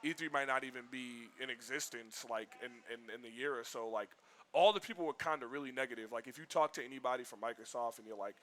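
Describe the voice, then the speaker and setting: A man rambles through casual stream talk, piling on "like" as he goes. His voice sounds bright and forward. He keeps a loose, animated delivery throughout. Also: mid-range voice, quick pace. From Boston, US. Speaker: livestream co-host. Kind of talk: casual chat.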